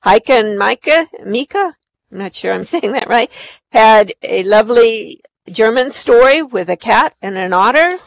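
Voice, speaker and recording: A woman's voice: a little high, expressive, unhurried, vocal fry, no room sound, low-quality recording. A woman presenting awards live at an online event as the host, effusive in her praise.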